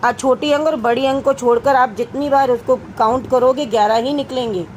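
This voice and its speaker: Young female teacher, high pitch, patient question-and-answer style with children, faint background noise. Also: fairly even intonation, brisk, a little mellow, poor audio. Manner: asks students questions and answers them herself; addresses students as "beta". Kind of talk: Hindi grammar lesson for children.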